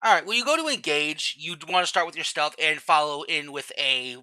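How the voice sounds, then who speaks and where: A man's voice: a little high, expressive, fairly quick, pushed and bright, rough recording. A tired man talking through a game class in a casual guide voice-over, rambling and often stopping to correct himself. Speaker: gamer explaining a game class.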